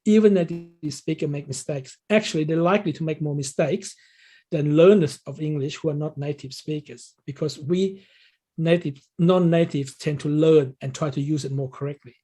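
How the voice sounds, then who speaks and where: Fairly high in pitch and mellow, this man speaks at a moderate pace. An English learning coach in his sixties from Thailand, native in Thai, he answers interview questions in a conversational way, explaining points as a coach would.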